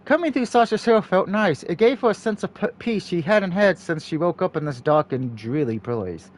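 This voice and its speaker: A man with a very high voice reads a story game aloud in a let's play. His pitch moves around in a lively way, and he breaks from the narration for casual asides and acted dialogue. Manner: acts out dialogue while reading. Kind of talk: reading a visual novel aloud with casual asides.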